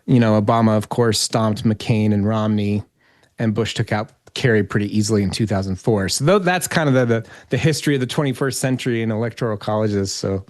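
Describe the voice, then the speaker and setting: A man's voice: on the low side, fairly quick, dry recording. A man speaking as an interview guest, giving conversational political analysis.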